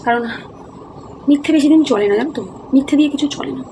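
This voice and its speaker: A woman vlogger talks straight to her viewers, earnest and a little worn down as she explains herself. Her voice sits slightly high with a gravelly edge, and the words come out quickly. Steady background noise runs under the recording. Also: rough recording. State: feeling low and heavy-hearted. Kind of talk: casual talk to viewers.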